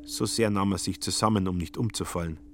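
A man narrating a radio play with measured, vivid storytelling. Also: low-pitched, fairly even intonation.

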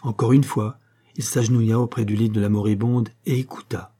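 A man reading a classic adventure novel aloud, with measured, dramatic storytelling. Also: fairly low pitch, steady tone, dark tone. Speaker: audiobook reader. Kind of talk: literary audiobook narration.

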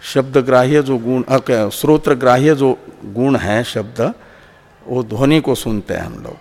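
A man teaching philosophy in a slow, patient lecture, often repeating words and restarting phrases as he explains. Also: medium pitch, creaky, darkish tone. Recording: long hall reverb.

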